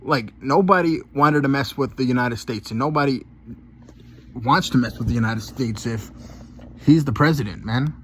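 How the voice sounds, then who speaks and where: A man's voice: mid-range voice, normal speed, a little hiss or hum. Rambling man giving casual reaction commentary. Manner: rambling, repeats words, ends phrases with "man", swears. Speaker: gaming channel commentator.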